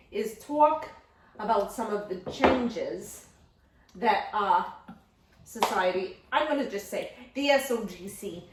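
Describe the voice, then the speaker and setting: In a comedic sketch made for nurse education, a woman plays a gushing, talkative talk show host who sprinkles Yiddish exclamations throughout. Her voice leans high, and there's background noise. The mic is distant, giving the sound a roomy quality.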